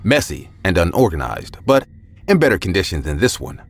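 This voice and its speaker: A man voicing a weak, nervous homeless man in a low, quiet voice, in a spoken horror story. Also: sing-song, brisk, husky, full character voice. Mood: grim.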